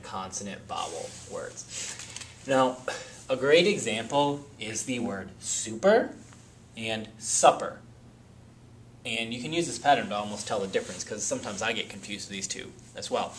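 Low-voiced man teaching a phonics lesson. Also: a bit bright, slight background noise. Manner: patient, explains step by step and repeats example words slowly.

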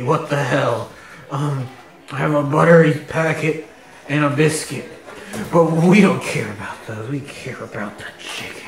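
A man's voice: medium pitch, roomy sound, far from the mic. A man doing a parody food review, talking muffled through a face mask with mock-melodramatic complaints. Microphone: head-mounted camera.

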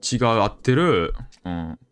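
A young man with a Kansai accent commenting on a horror game as he plays, chatty and jokey, with sudden loud outbursts. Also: fairly low pitch, big pitch swings, unhurried, smooth. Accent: Kansai Japanese. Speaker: game streamer.

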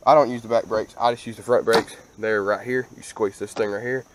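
A man's voice: fairly low pitch, steady tone, fairly quick, noisy background. Laid-back young man outdoors. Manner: laid-back, rambling, casual slang. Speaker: vlogger. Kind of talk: casual walkthrough vlog. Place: outdoors in a rural yard. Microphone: action camera mic.

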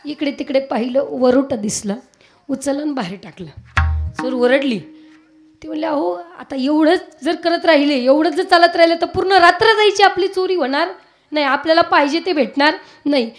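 High-voiced woman preaching a Marathi kirtan. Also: normal speed. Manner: asks the audience questions, shifts between speech and sung verses. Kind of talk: devotional kirtan sermon with storytelling and singing.

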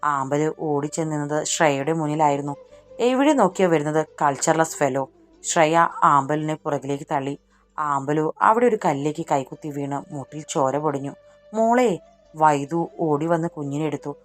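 A woman narrating a romantic story audiobook in steady scripted narration. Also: deep voice, a little fast, faint music behind.

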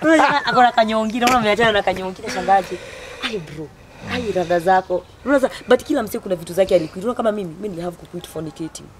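A woman's voice: mid-range voice, very fast, few pauses, a crowd in the background. A young woman with a Kenyan accent telling personal stories casually, switching between Swahili and English. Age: young adult. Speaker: guest, comedian. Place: outdoor garden. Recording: clearly noisy outdoor ambience.

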